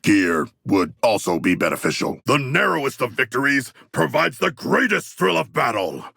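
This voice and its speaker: A man voicing a huge, proud humanoid shark warrior in a video game, speaking in formal, grandiose phrases with a gravelly, husky voice. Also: mid-range voice, big pitch swings, normal speed, sharp tone, no echo, clean studio sound, exaggerated voice. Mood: fierce, exhilarated. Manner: formal, grandiose, stilted diction. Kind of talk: video game character voice lines.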